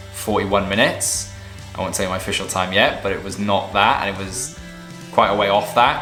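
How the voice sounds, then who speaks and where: A man's voice: fairly low pitch, bright, forceful tone. A young man giving a casual, matter-of-fact vlog recap in a conversational way. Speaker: vlogger and amateur runner. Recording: roomy echo, music behind.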